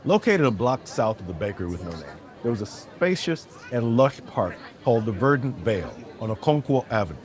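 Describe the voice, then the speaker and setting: A man narrating a fantasy story in a steady, descriptive way. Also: fairly low pitch, brisk, few pauses, some chatter behind.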